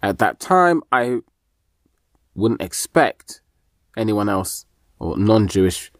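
A man's voice: fairly low pitch, big pitch swings, takes it slowly, no echo, studio quality. A man giving an unscripted Bible teaching on a podcast, thinking aloud with many fillers and restarts.

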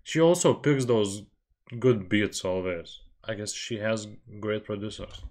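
Fairly low in pitch yet expressive, his darkish voice moves at a measured pace as he gives casual music reaction commentary. The young Lithuanian-speaking host chats on a headset and desk mic in a small home bedroom under webcam framing, self-deprecating and laughing often.

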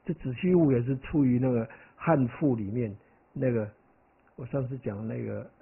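A man's voice: medium pitch, normal speed, creaky, breathy edge. A man, a Buddhist monk, gives a conversational dharma lecture, often asking his listeners "right?" and wandering into stories. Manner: animated, digressive storytelling. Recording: tinny, phone-like lo-fi recording.

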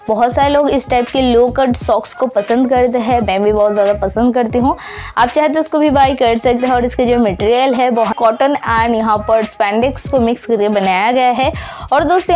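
Young woman host, chatty review narration in an indoor studio, voice a bit high. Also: a little mellow. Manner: chatty, keeps calling viewers friends.

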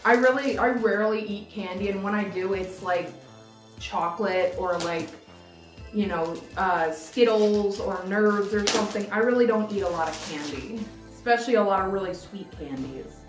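A woman's voice: mid-range voice, normal speed. A woman in her twenties chatting casually to camera as a vlog host, rambling and hesitant, with lots of filler "like". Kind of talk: casual chat to camera, candy taste test. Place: decorated room indoors. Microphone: camera a few feet away. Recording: roomy, distant mic, music behind.

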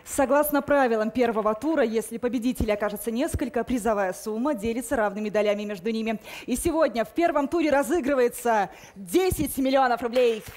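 A woman's voice: on the high side, a little fast, few pauses, a little mellow. A young woman co-hosting a TV lottery draw, formally announcing numbers and results in a studio. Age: young adult. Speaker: lottery show co-host. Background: music.

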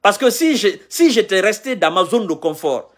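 Here a man in his thirties from Guinea, a political commentator, goes on a heated, lecturing rant full of repetition at a moderate pace. His voice sits high and sing-song, and he records a live selfie video indoors on a sofa in a small room, holding the phone at arm's length.

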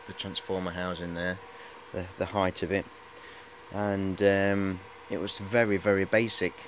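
In poor audio, a deep, level voice belongs to a man in his forties who talks unhurriedly as a hobbyist demonstrating high-voltage gear. His hands-on show-and-tell is casual, hesitant and chummily rambling. A handheld camera at arm's length captures him in a cluttered workshop, background noise plainly audible.

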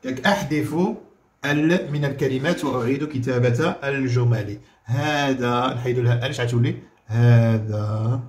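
A man with a Moroccan Arabic accent explains a grammar lesson like a teacher at the board, checking with the class and drawing out each word slowly so it can be written down. His voice sits at an ordinary middle pitch, and the recording carries a clear room echo. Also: fairly even intonation. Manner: explains with questions, repeats words slowly for dictation. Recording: echoey room.

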